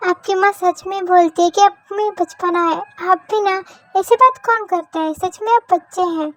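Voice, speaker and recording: A woman with an extremely high, childlike voice performs every part of a homemade fan audio drama herself. She switches quickly between roles in snappy, bickering dialogue. The recording is completely dry. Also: fairly even intonation, a bit bright, no echo.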